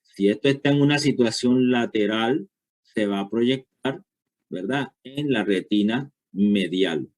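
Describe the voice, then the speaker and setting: A man's voice: mid-range voice, unhurried, a little mellow. A man giving a university lecture, explaining step by step and checking understanding with frequent short questions.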